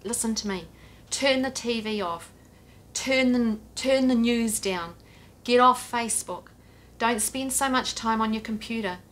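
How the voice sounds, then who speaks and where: Speaking unhurriedly in a slightly high, somewhat bright voice, a middle-aged woman pastor preaches straight to camera from her living room sofa. Her home church sermon is earnest and direct, and she gestures as she talks, filmed head and shoulders from a few feet off.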